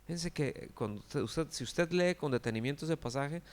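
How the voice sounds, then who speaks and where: A man's voice: fairly high pitch, normal speed. A man, a pastor giving a conversational sermon full of rhetorical questions to his congregation. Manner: acts out quoted characters with exaggerated cries.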